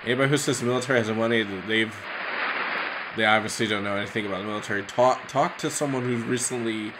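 A weary man talks in a loose, rambling way, full of restarts and fillers. His voice sits at an ordinary pitch. A loud hiss runs under everything he says. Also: fast talker. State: tired, yawning. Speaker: commentator reacting to a speech. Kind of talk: casual late-night commentary. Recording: loud background noise.

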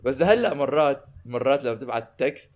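A man's voice: mid-range voice, lively intonation, fast talker, darkish tone. A man with a Levantine Arabic accent chatting casually in a mix of Arabic and English, talkative and often repeating and rephrasing himself.

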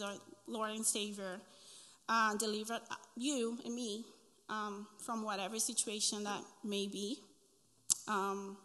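A fairly high, sharp-toned voice belongs to a woman in her thirties who has a Brazilian Portuguese accent. Speaking at a church women's breakfast, she relates a sincere personal testimony, frequently restarting and saying "um," while the hall's long reverb lingers.

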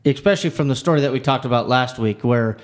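A man's voice: medium pitch, quick pace. An earnest man talking through a Bible passage with a co-host in an easy, conversational way. He restarts his sentences often and leans on "you know" as he works through his thoughts. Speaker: Bible study podcast co-host. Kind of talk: casual Bible discussion.

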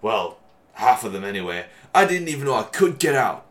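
A man's voice: medium pitch, big pitch swings, brisk, fairly bright tone. A man voicing a grumpy male ghost who complains bitterly about being freed from hell. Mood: indignant.

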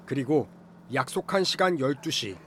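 A man's voice: medium pitch, animated, normal speed, fairly bright tone, slight background noise. A man delivering scripted film recap narration in a formal storytelling manner.

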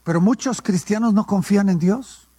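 A man's voice: sits high, moderate pace, mellow, slightly rough, no echo. A male pastor, preaching a sermon and asking questions that he answers himself. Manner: call-and-response preaching, asks and answers his own questions.

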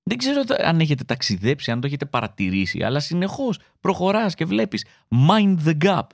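A man's voice: creaky, no echo, clean studio sound. A young adult man doing a comedic monologue, acting out quoted voices as he tells stories. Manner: animated, acts out quoted voices with big pitch jumps. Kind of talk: stand-up style comedic monologue.

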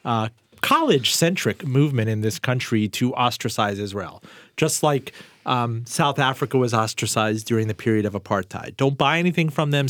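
A man in his forties hosts an interview in a dry, close recording. He talks conversationally and digressively, joking and tossing in quick rhetorical questions at a middling pitch. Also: dry recording. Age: 40s. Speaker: host interviewer.

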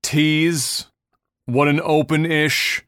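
A man's voice: fairly high pitch, level tone, extremely slow, fairly bright tone, clear, resonant tone, no echo, studio quality. A man hosting a casual gaming podcast, rambling through news with restarts and casual swearing. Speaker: podcast host.

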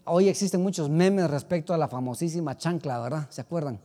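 A man preaching a sermon as pastor, swinging from loud exclamations to quiet asides. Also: a little high, a little fast, long reverb tail.

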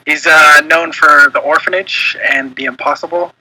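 A man's voice: a little high, fairly even intonation, moderate pace, bright, forceful tone, breathy edge, no room sound, low-quality recording. A man co-hosting a podcast, chatting casually and hesitantly with many fillers. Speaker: podcast co-host. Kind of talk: casual chat.

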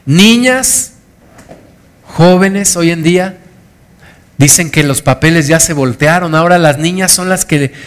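A man's voice: a little high, a little slow, pauses often. A middle-aged man preaching a sermon, earnest and emphatic, repeating key phrases. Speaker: pastor.

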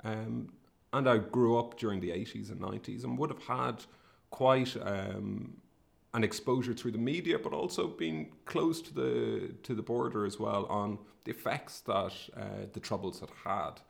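An academic researcher and podcast host from Sligo, in Ireland's northwest, shares his career history in relaxed conversation, hesitating slightly as he thinks aloud. The middle-aged man speaks unhurriedly in a lowish, gravelly voice with a west of Ireland accent.

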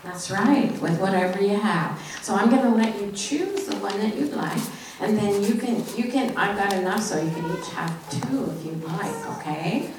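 Indoors at a church, a woman leads a children's message, speaking informally and simply to the kids. Her medium-pitched voice is lively, moving at normal speed with few pauses. The recording is distant, noisy, and very echoey.

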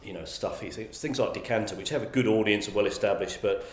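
Talking at a quick pace in a fairly low voice, an English magazine publisher answers interview questions as a guest. He is thoughtful, frequently starting his sentences over and repeating words, in a recording with an echoey, roomy sound.

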